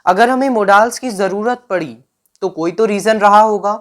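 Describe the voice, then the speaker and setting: A woman's voice: mid-range voice, moderate pace. A woman teacher with an Indian English accent gives a slide-based grammar lesson. She switches between Hindi and English and keeps checking in with "right?" and "fine".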